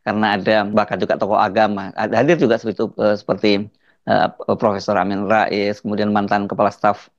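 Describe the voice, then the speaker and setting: A man giving conversational news commentary as a host, in a halting delivery. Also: lowish voice, little pitch movement, dry recording. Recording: slightly dull, dry close recording.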